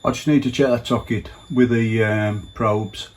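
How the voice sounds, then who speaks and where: A man's voice: lowish voice, fairly even intonation, measured pace, slight background noise. A man electrician casually talking through his work as he goes, thinking aloud in a work vlog.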